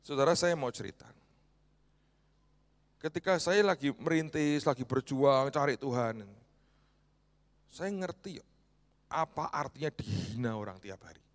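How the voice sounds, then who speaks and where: A man preaching a provocative sermon as a pastor, swinging between loud outbursts and hushed asides. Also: mid-range voice, lively intonation, unhurried, pauses often. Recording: reverberant hall.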